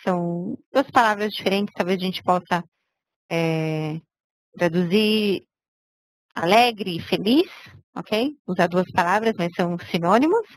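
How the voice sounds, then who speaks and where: A woman's voice: fairly low pitch, measured pace, dry recording, rough recording. A woman teaching a language lesson, patiently explaining step by step and checking in with her students. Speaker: Hebrew teacher.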